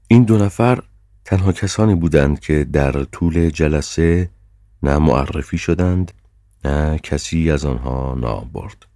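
A male audiobook narrator reading a novel in an even, measured storytelling manner. His voice is very deep and dark. The recording is dry and close. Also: dry recording. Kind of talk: scripted narration.

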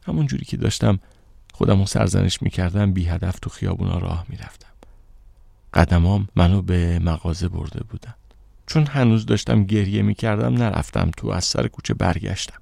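A man narrating an audiobook in the first person with steady, measured storytelling. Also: low voice, creaky, dry recording.

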